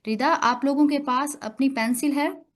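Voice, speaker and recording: A woman's voice: high voice, moderate pace. A woman with an Urdu accent teaching an online class over a video call, patiently correcting her students' pronunciation point by point. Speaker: online Quran recitation teacher.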